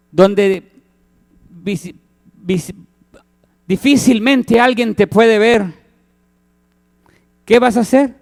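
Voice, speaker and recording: A man's voice: high voice, gravelly, darkish tone. A man, preaching a sermon as pastor, who acts out the cries and quoted voices in his story.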